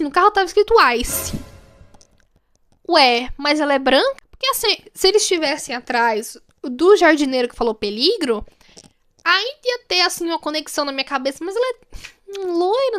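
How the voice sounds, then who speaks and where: A woman with a Brazilian accent recapping a film in a casual vlog, telling it in an animated, slangy, wry way. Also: very high voice. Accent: Brazilian Portuguese. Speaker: film reviewer.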